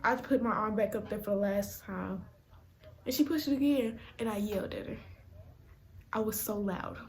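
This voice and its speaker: A young woman vlogger telling a casual storytime, animated and laughing, with dramatic whispered asides. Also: medium pitch, normal speed.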